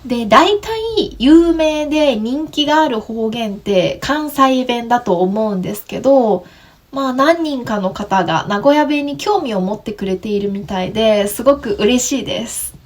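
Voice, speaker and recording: A woman's voice: a little high, expressive, moderate pace. A woman from Nagoya with a Nagoya dialect accent, teaching Japanese on a podcast in a friendly, step-by-step way and asking her listeners questions. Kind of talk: podcast lesson for learners.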